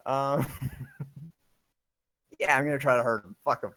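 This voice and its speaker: A young man playing a tabletop game, laughing, swearing and thinking out loud with many ums. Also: mid-range voice, a little slow. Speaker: player. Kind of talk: casual tabletop game chat.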